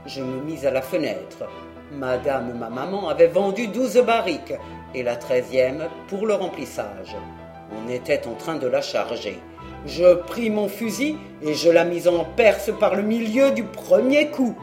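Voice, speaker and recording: A reader voicing a gruff, swearing old country squire in an audiobook, speaking loud and boastful. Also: medium pitch, lively intonation, measured pace, music in the background, voice pushed down, natural voice. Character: blustering old Breton country squire, the uncle. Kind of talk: audiobook character voice.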